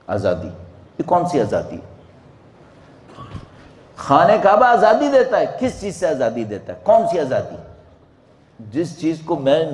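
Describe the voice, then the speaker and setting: A man giving a religious sermon to a congregation, swinging between loud rising questions and quiet drops. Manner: dramatic rises and drops in pitch and volume, rhetorical questions. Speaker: preacher. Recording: echoey hall.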